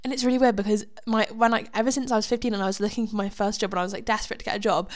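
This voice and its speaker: A woman's voice: medium pitch, steady tone, rapid-fire. Rambling, swearing young British woman. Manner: rambling, self-deprecating, swears freely. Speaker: vlogger. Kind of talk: casual chat.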